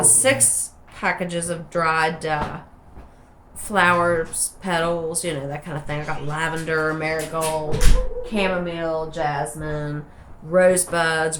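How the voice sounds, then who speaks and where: A woman's voice: deep voice, background noise. A woman with an Appalachian hillbilly accent, chatting casually and playfully in a rambling, folksy way as she hosts a craft vlog. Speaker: soap maker and channel host.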